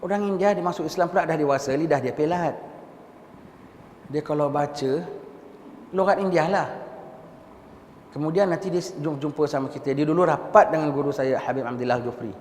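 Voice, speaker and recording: A man from Singapore with a Singaporean Malay accent, giving a conversational mosque lecture. He mixes in English words and often checks his listeners with a quick "ha?". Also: fairly high pitch, a little mellow. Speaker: religious teacher. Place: large mosque hall. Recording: echoey hall with long reverb and faint background noise.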